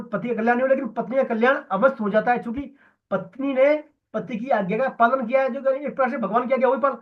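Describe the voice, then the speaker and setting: A man's voice: very high-pitched, dull audio. A man giving a devotional scripture lesson, explaining and repeating key words for emphasis. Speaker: Gita teacher.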